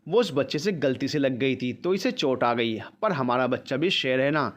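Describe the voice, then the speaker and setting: A man voicing a soothing older grandmother who calms her family. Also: mid-range voice, normal speed, close to an everyday voice.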